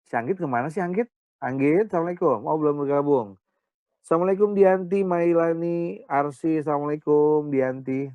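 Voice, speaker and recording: A male teacher calls the roll on a video call, teasing his students as he goes. His voice is smooth and resonant. The sound is dry and a little muffled. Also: on the high side, moderate pace, no room sound. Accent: Indonesian. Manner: joking, teasing banter with students. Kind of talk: online class roll call.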